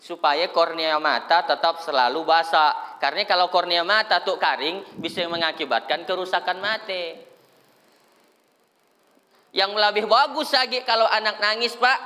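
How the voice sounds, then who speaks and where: A man preaching a lively sermon, acting out crying children and fussing parents. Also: sits high, normal speed, big-room sound. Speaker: Islamic preacher.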